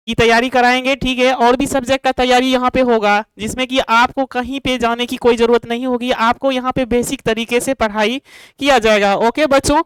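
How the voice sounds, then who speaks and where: A woman's voice: a little high, clear, resonant tone, dry recording, rough recording. A woman teaching a math lesson to students online, repeatedly asking rhetorical questions and answering them herself, and checking in with the class as she goes. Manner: drawn-out, repetitive explanation.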